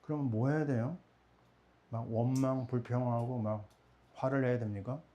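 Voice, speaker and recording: Middle-aged man preaching a mellow sermon. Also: mid-range voice, steady tone, normal speed, lo-fi sound. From Korea. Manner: rhetorical questions answered himself. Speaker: pastor.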